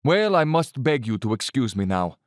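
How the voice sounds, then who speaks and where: A man acts out an urbane Cossack general in an audio drama. His delivery is animated and courtly, with cold condescension under the polish. The sound is close and dry. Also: medium pitch, normal speed, no room sound, lightly acted. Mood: smugly polite.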